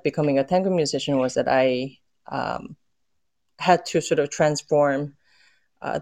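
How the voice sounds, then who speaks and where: A woman born in Korea, a tango musician, talking in a casual interview, thoughtful and pausing often with fillers and restarts. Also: low voice, a little mellow.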